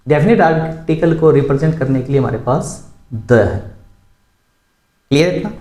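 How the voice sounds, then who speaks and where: A man's voice: on the high side, dark tone. A man teaching a grammar lesson in a somewhat raised voice. He explains step by step, repeats the key words and stops to ask learners questions. The sound is roomy and echoey. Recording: echoey room.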